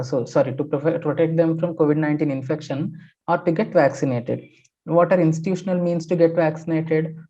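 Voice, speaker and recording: A man's voice: a little high, warm tone. A man, a sociology teacher explaining newspaper articles in a methodical lecture full of fillers and restarts. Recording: dull lo-fi sound.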